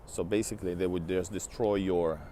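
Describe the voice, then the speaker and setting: This travel vlogger is a man in his thirties from Latvia and Finland, streaming on foot next to a large building on a city street. He speaks through a wired earbud headset with the phone held out at arm's length. His low, warm voice is fairly even and a little fast, with slight hiss or hum, and he sounds tired as he rambles, restarts, and replies to chat.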